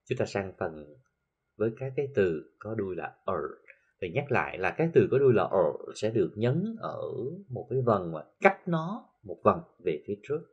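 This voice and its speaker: A man with a Southern Vietnamese accent gives an English lesson recorded in a classroom for TV, explaining slowly with many filler sounds and carefully reading English examples. His voice is low, sing-song and husky, and the audio is dull.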